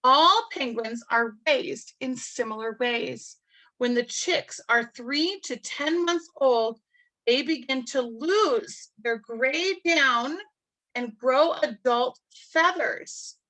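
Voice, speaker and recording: A woman reading a picture book aloud to children, marveling in a gentle, teacherly way and adding chatty asides to explain things. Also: high-pitched, takes it slowly, poor audio. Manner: adds chatty explanatory asides between passages.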